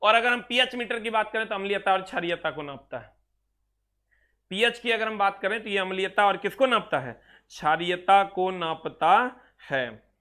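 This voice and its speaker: A man's voice: high voice, expressive, bright, forceful tone. A young man teaching an exam-prep science class, drilling terms by repeating them and drawing words out. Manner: repetitive, drawn-out drilling of terms, calls students "bhai mere". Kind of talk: classroom lecture.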